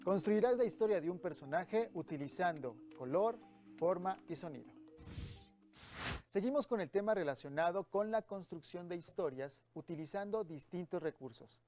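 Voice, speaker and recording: A man reading a calm, scripted voice-over for a children's lesson, speaking directly to the child. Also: sits high, moderate pace, faint music behind. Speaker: program announcer.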